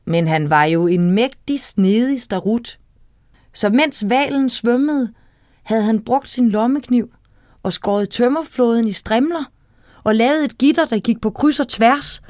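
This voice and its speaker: A woman reading a children's story aloud, lively and talking straight to the young listener. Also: a little high, dry recording, clean studio sound.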